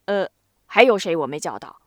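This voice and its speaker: Lady doing a smooth-talking nervous young guy, bouncy lively voice, dry sound. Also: on the low side, no echo. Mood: glib. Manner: slick, fast, defensive. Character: glib, jittery young man.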